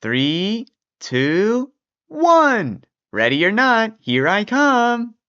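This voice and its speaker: A performer voicing an eccentric, excitable and timid old man in a storybook tale. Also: mid-range voice, very slow, smooth, highs cut off, pitched above the performer's own voice, full character voice. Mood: excited.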